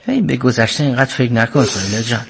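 A middle-aged man playing a gentle, teasing husband and father comforting his wife, in a radio drama. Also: medium pitch, gravelly, a little hiss or hum, natural voice. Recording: long hall reverb.

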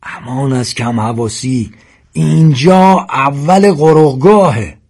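A calm, measured older man who leads the group, husky and even-tempered, as a man acts him out. The reading lifts the voice only slightly above the narration. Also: medium pitch, pitched above the performer's own voice, lightly acted. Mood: steady.

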